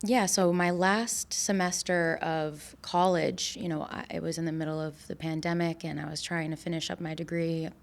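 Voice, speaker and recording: A young woman in her twenties speaks in a somewhat low voice. She talks as a podcast guest, thoughtful and unhurried, often pausing on fillers and restarting her sentences. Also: fairly even intonation, vocal fry. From New Hampshire, USA. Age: 20s. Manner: reflective, with frequent fillers and restarts. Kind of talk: casual interview chat.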